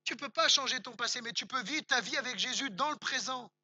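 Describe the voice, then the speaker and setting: A man's voice: extremely high pitch, fairly quick, sharp tone, dry recording. A French man preaching a sermon as pastor, emphatic, repeating words for stress and speaking straight to the congregation with chatty asides. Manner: conversational asides, addresses the congregation directly.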